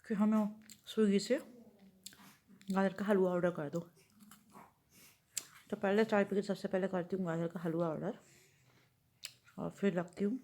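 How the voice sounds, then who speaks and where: Woman vlogger, mid-range voice, chatty home vlog, rambling thoughts out loud to viewers. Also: medium pitch. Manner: rambling, thinking aloud to viewers.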